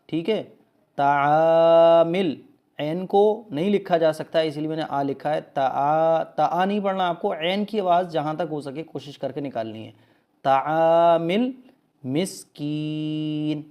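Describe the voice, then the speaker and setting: A man leads a patient recitation lesson, and his voice sits a little higher than most men's. He explains each sound at speed, then recites the passage slowly and holds the long vowels. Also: highs cut off. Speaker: Quran recitation teacher.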